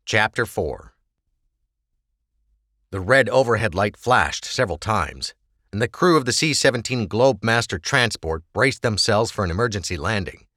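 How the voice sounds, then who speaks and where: Low, lively male audiobook narrator. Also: normal speed, dry recording, clean studio sound.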